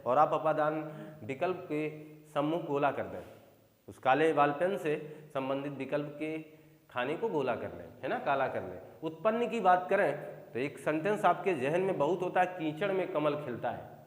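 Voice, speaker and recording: A man with a fairly high voice teaches grammar for exam preparation. He repeats example sentences over and over and keeps checking whether his listeners follow. The room is echoey, with a long reverb tail. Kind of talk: exam-prep grammar lesson.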